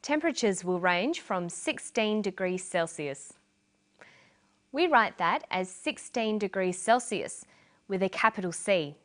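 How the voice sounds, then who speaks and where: A woman from Australia, narrating an English lesson slowly and clearly, stressing key syllables for learners. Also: mid-range voice, animated, fairly bright tone. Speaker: English teacher. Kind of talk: scripted language lesson narration.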